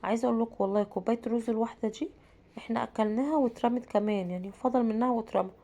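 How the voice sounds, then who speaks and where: Fast, gravelly Egyptian woman with a cold. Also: fairly high pitch, fairly even intonation, mellow. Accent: Egyptian Arabic. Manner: chatty, asks herself questions and answers them. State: has a cold. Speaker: home vlogger and mother. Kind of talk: casual cooking vlog narration.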